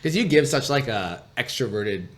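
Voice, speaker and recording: A young man co-hosting a casual podcast, his voice sitting at an ordinary middle pitch. He talks in a loose, rambling way, full of fillers, and breaks into laughter often. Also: animated, moderate pace. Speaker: podcast co-host. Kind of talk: casual chat.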